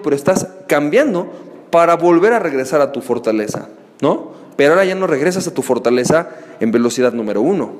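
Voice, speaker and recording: Man, podcast host, playful storyteller, lively pitch, reverberant room. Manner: playful storyteller, acts out friends shouting. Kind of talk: animated solo podcast talk.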